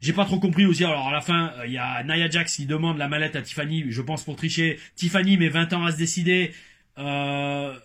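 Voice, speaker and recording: A man reviewing wrestling in a casual vlog, a former wrestler talking in an animated, digressive way with emphatic asides. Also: a little high, brisk.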